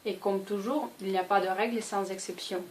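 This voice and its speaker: A woman teaching a language lesson, speaking slowly and deliberately and repeating each example word. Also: medium pitch, steady tone, loud music behind the voice, rough recording.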